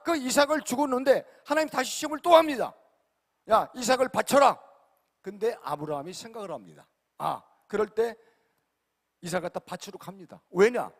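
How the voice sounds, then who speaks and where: A male pastor preaching an emphatic sermon, repeatedly questioning his congregation and swinging between loud and quiet. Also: high-pitched. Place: large church sanctuary. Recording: long hall reverb.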